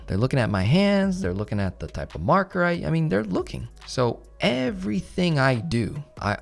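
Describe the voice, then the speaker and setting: A young man teaching a live online finance class, talking with energy and often asking rhetorical questions. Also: lowish voice. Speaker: finance coach.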